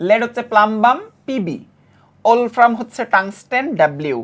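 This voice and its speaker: A woman teaching a chemistry class with a Bangladeshi Bengali accent. She repeats key facts and asks the students quick questions. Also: on the high side, lively intonation. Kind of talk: classroom lecture.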